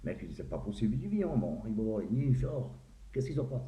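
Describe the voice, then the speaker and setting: Telling off-color jokes in a relaxed way, this man performs each character and cracks up at his own punchlines. His warm voice is on the low side, sing-song and quick, over echoey, phone-like audio.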